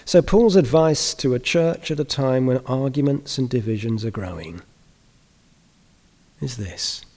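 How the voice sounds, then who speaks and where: A man preaching a sermon in a kindly vicar's manner, explaining in measured phrases with deliberate pauses and rhetorical questions. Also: medium pitch, dark tone. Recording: reverberant church hall.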